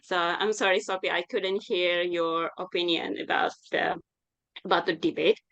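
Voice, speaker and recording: A woman's voice: on the low side, fairly even intonation, moderate pace, fairly bright tone, lo-fi sound. A woman moderating an online discussion over a video call with a patchy connection, apologizing and checking that others can hear her.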